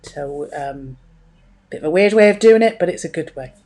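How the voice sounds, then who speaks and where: A woman's voice: low voice, expressive, normal speed, mellow. A woman hosting a casual podcast interview, talking informally and breaking into her own sentences as she rambles. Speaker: podcast host.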